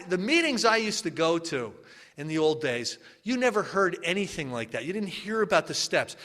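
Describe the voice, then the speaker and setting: Animated high-voiced man sharing his story. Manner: animated, self-mocking storyteller who acts out rants. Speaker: recovery meeting speaker. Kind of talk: personal recovery story told to a meeting. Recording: echoey hall with long reverb.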